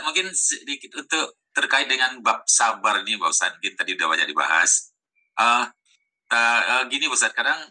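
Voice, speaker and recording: Male caller, lowish pitch, very bright tone, halting and full of fillers. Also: low-quality recording. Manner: hesitant, many "eh" fillers. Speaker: participant asking a question.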